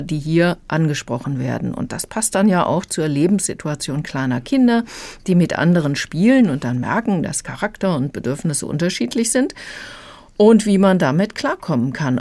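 A radio book reviewer calmly explaining a children's book. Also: medium pitch, no echo.

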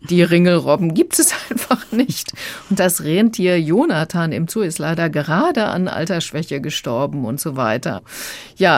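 A woman critic reviewing a children's audiobook on the radio, speaking calmly and reflectively. Her voice sits very low. The recording is close and dry. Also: no room sound. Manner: calm, reflective, laughs lightly. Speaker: book critic.

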